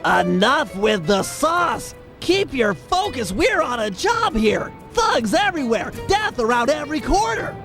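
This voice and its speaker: A fussy, high-voiced turtle genius. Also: male voice, very animated, unhurried, few pauses, exaggerated voice. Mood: scolding. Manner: fussy, scolding, nervous. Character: nerdy fretful male turtle genius. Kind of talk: video game cutscene acting. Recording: game clip with music behind.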